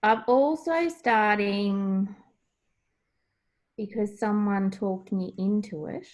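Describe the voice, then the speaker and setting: A woman's voice: medium pitch, slow, darkish tone. A middle-aged woman chatting casually as she shows things on a video blog, recorded at home over a video call. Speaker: co-host of a craft video blog. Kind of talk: casual show-and-tell chat.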